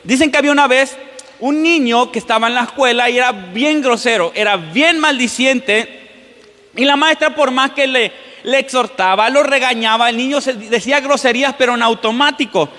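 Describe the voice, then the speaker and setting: A man's voice: very high-pitched, moderate pace, pushed and bright. A man preaching a sermon as pastor in a church, often putting questions to the congregation. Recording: long church-hall reverb.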